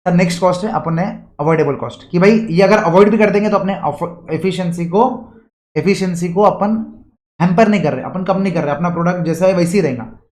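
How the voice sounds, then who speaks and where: A man's voice: high-pitched, a little fast, a little mellow, reverberant. A man giving an exam revision lecture, who keeps asking rhetorical questions and uses everyday examples. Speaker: teacher.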